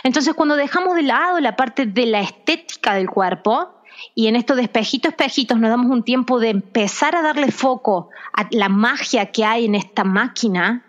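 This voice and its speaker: A woman with an Argentine Spanish accent speaks in a fairly high voice, earnest and reflective, and often circles back over her own words. The audio is a little dull and muffled, as if it came over a remote call. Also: lively intonation, normal speed. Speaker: guest, kinesiologist and trainer. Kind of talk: casual podcast conversation.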